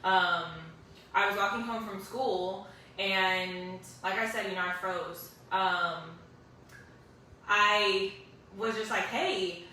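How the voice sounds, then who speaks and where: A woman's voice: mid-range voice, steady tone, takes it slowly, bright, forceful tone. A young woman, telling a painful personal story in an earnest, emotional way with many fillers. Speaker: guest sharing her story. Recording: echoey room, distant mic, faint hiss.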